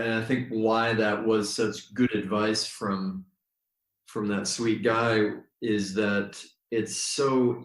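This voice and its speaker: Thoughtful man telling a story, roomy sound. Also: on the low side. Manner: thoughtful, unhurried, with frequent ums and pauses. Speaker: guest, yoga teacher. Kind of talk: relaxed storytelling in conversation. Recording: roomy echo.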